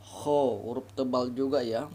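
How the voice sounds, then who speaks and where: Male reading tutor, unhurried, repeats each sound, slight background noise. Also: medium pitch, steady tone, darkish tone. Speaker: Quran reading teacher. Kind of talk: slow step-by-step recitation lesson.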